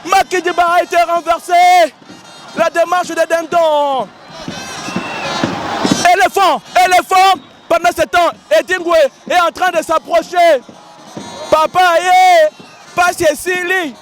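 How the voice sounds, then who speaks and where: A man with a hoarse voice, giving live, excitable commentary at an outdoor wrestling gala and often repeating his lines. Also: very high voice, normal speed. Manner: excitable, shouting, repeating phrases. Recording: outdoor event with loud crowd and music.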